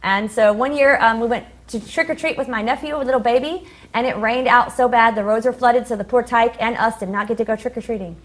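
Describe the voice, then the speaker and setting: A woman co-hosting a casual spooky-themed talk show, chatting in a rambling way about songs and odd happenings. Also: a little high. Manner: chatty, rambling, fast when rushed. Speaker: co-host.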